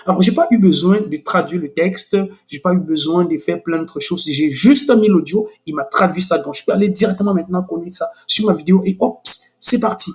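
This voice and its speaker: A man with a fairly high voice hosts a screen-recorded software tutorial. He talks with frequent restarts and hesitant fillers, turning eager as he shows off the results. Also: fairly quick, hardly any pauses. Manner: enthusiastic.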